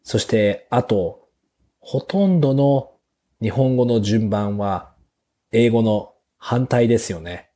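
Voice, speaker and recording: A man hosting a beginners' Japanese lesson podcast, speaking slowly and simply with small fillers. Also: fairly low pitch, warm tone. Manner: slow, clear teacher's delivery with fillers. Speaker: podcast host teaching Japanese.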